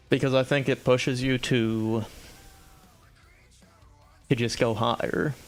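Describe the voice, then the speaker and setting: A man's voice: medium pitch, gravelly. A young man streaming an aim-training session, talking casually and rambling, often restarting his sentences as he plays. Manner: rambling, self-correcting, chatty. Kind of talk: casual gaming commentary.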